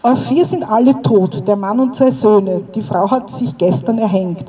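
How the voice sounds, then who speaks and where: A woman reading a story aloud and voicing a frightened but quick-witted woman caretaker who pleads with a police officer, her voice pitched up and pressing. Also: warm tone, natural voice. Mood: urgent pleading. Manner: urgent, pleading, raised pitch. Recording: distant mic outdoors with faint ambience.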